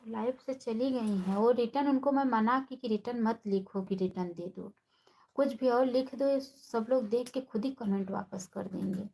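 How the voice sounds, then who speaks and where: Woman live-streamer, gravelly and unhurried, greets viewers by name. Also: a little high, slight background noise, poor audio. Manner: chatty, addresses viewers by name; talks softly and slowly, holding her voice down. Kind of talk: casual live-stream chat.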